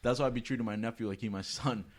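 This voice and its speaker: A man's voice: medium pitch, racing. A man in his twenties hosting a casual podcast chat, speaking in street slang. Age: 20s. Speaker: podcast host.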